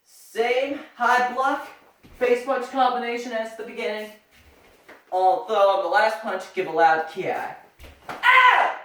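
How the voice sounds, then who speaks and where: A karate instructor teaching step by step, with sharp martial arts commands. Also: medium pitch, fairly even intonation, measured pace. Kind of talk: step-by-step karate demonstration lesson. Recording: echoey room, far from the mic.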